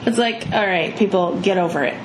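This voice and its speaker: A middle-aged woman with some vocal fry, chatting casually and emphatically about movies as a review co-host. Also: mid-range voice, brisk. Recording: echoey room with clear background noise.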